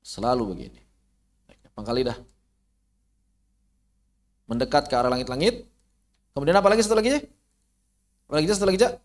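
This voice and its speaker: A man's voice: on the high side, big pitch swings, fairly quick, long pauses. A man with an Indonesian accent teaching an online Quran recitation lesson. He drags out syllables to show how they sound and asks and answers his own questions. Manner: casual, mutters to himself while fixing slides.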